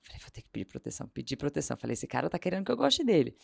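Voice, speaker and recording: Fast-talking woman with a gravelly edge. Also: sits low. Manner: animated anecdote-telling, acting out quoted dialogue. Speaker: podcast guest. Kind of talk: storytelling in casual interview.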